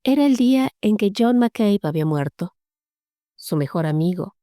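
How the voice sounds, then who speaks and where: A woman reading a horror story aloud as an audiobook narrator, steady and measured. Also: medium pitch, dry recording, studio quality.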